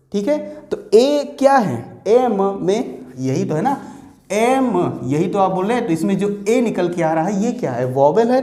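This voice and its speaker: A man's voice: high-pitched, dark tone. Echoey male teacher explaining grammar. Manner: repetitive, asks and answers own questions. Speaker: English teacher.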